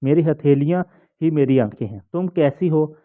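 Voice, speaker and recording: A man's voice: on the high side, expressive, normal speed, close to an everyday voice. A man reading the lines of a blind, kindly old village woman from a play, coaxing and scolding. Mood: comforting. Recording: tinny phone-like sound.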